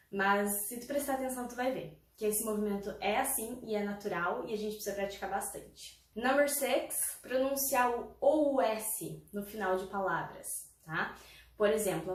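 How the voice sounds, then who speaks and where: A woman's voice: medium pitch, moderate pace. Woman teacher, patient drills, voice heard from across an echoey room. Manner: patient, explains with repeated examples and frequent "tá?" check-ins. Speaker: English teacher. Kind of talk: pronunciation lesson. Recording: roomy, from a distance.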